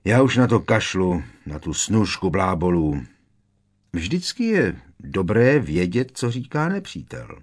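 A man's voice: low voice, big pitch swings. A man voicing a clever, bossy teenage schoolgirl in an audiobook, curt and matter-of-fact. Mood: dismissive.

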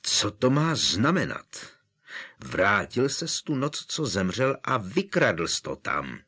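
Man putting on an enraged teen boy, sharp, accusing, animated. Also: mid-range voice, voice pushed up. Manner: furious, shouting accusations. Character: angry teenage boy wizard.

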